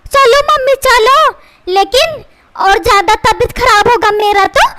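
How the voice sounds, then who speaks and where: A woman's voice: extremely high pitch, a little slow, sharp tone, a little hiss or hum, heavily acted. A woman voicing a cheeky, scheming young boy who fakes being sick to skip school, talking in a whiny, pleading way.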